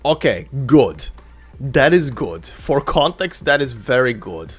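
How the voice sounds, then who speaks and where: A man gives casual gameplay commentary in a medium-pitched voice. He reacts in an offhand, dry way, with faint game music behind him. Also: sing-song, slow pace, slightly rough. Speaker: streamer.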